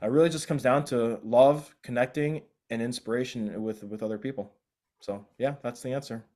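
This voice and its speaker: A man's voice: medium pitch, fairly even intonation, normal speed, a little mellow. A man, a DJ guest speaking earnestly and reflectively, often restarting his phrases. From South Korea. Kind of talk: casual interview chat.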